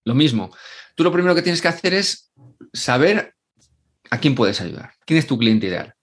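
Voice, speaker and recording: A man's voice: mid-range voice, big pitch swings. A man, a guest in a podcast interview, explaining sales with emphatic, acted-out asides. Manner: emphatic, acts out clients and doctors in quick asides. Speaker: guest, sales and LinkedIn growth expert. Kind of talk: animated podcast interview answer.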